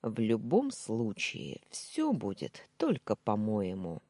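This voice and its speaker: A stern, domineering man, read by a woman speaks in short, calm, quietly menacing orders. The voice is slow and husky, with a dark warmth, like a romance audiobook reading. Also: extremely low pitch, no echo, clean studio sound, voice pushed down, heavily acted. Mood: cold, commanding.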